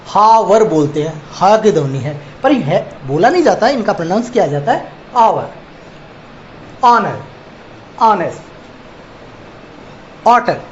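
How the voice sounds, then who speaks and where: Male teacher, slow dictation. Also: sits high, darkish tone. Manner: dictates slowly, repeating example words one by one. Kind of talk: classroom grammar lesson. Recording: dull lo-fi recording, faint noise.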